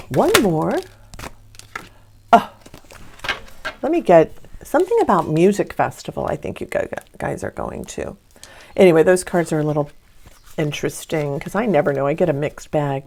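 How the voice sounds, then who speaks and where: Chatty woman giving a tarot reading. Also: low-pitched. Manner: chatty, spiritual, upbeat and warm-toned with laughs. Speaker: tarot reader. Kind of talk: casual tarot reading to camera.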